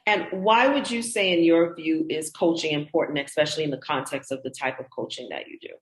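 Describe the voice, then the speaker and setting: A woman's voice: low-pitched, brisk, roomy sound, rough recording. A woman hosting an interview show, friendly, with short affirmations. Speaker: podcast host, HR consultant.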